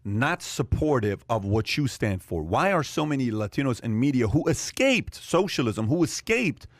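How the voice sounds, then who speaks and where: A man's voice: medium pitch, big pitch swings, moderate pace, dry recording, studio quality. A man hosting a podcast, asking pointed questions in an emphatic, conversational way. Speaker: podcast host. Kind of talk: casual podcast talk.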